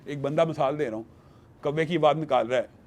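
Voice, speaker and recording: A man speaking emphatically as a panelist in a studio discussion, quoting scripture to build his argument. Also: fairly high pitch. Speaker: religious panelist.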